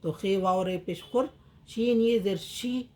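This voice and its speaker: A woman teaches script in an unhurried lesson. Her voice sits at a middle pitch, and she goes very slowly. She repeats every example word two or three times while she writes. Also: a little mellow. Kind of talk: slow step-by-step language lesson.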